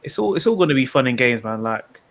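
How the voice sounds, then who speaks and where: A man talks football on a podcast over a call. His voice sits at an everyday middle pitch, and his speech is easygoing and slangy, rolling along in loose sentences. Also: sing-song, quick pace, a bit bright. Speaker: podcast co-host. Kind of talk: casual football chat.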